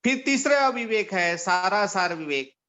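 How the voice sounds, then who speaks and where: A man from India gives a slow, deliberate instructive talk to volunteers. His fairly high voice swings widely in pitch as he tells parables. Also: animated, pushed and bright. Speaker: organisation leader giving guidance to volunteers.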